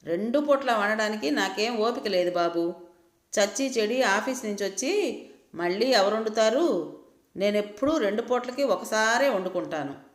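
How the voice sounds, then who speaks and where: A woman voicing a sharp-tongued, defiant young woman who answers with cutting scolds. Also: mid-range voice, expressive, moderate pace, pauses often, natural voice. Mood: scornful. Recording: roomy echo.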